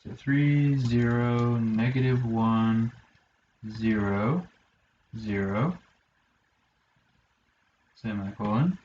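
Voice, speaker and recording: A man's voice: medium pitch, extremely slow, pauses often, a little mellow. A man teaching a college math lesson, talking himself through each step with fillers and dry asides. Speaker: math instructor. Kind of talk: lecture. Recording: roomy, slightly dull lo-fi sound with faint hiss.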